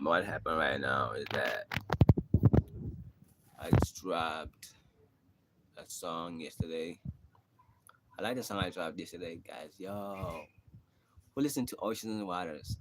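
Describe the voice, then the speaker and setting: A young South African man with a very low, deep voice talks casually on a livestream, drifting between thoughts and filling gaps with easy asides. His South African accent colors every line, and a faint hiss sits under the recording. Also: slow, long pauses. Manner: rambling, laid-back, frequent "you know" fillers. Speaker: livestreaming rapper. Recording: faint background noise.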